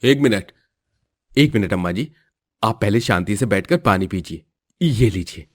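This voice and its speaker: A man voicing a calm, polite police inspector in an animated story, soothing a frightened old woman. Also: fairly low pitch, unhurried, no room sound, clean studio sound.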